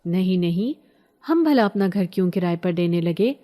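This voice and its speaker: A woman's voice: lowish voice, animated, warm tone, close to an everyday voice. A woman voicing a scared but headstrong young village girl, pleading and defiant by turns. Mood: agitated.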